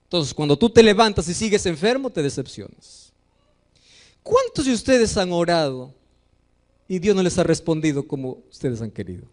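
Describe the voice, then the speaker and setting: A male pastor delivers a sermon in a very high voice that climbs and falls widely. He puts questions to the congregation and slows right down on the phrases he wants to land. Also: darkish tone. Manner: preaches to a congregation, asks them questions; acts out quoted voices in a raised pitch.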